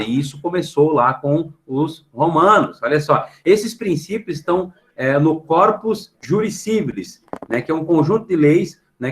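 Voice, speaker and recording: A fairly high-pitched Brazilian man teaches an online middle school class with a Brazilian Portuguese accent, explaining patiently and checking with students after almost every phrase. Pauses get filled with a questioning tag. The low-quality recording, made on a computer mic during a video call, has a little hiss or hum.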